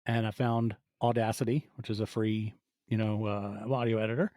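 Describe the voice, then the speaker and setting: This podcast guest, a man in his forties who produces audio fiction, has a lowish, warm voice with little pitch movement and a moderate pace. He tells casual interview stories and acts out small quoted asides, in clean studio sound with no room sound.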